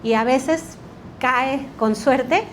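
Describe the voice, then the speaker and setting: A woman teaching a litigation workshop, energetic and quizzing the class with rhetorical questions. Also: high voice, very slow, a little hiss or hum. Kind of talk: workshop lecture.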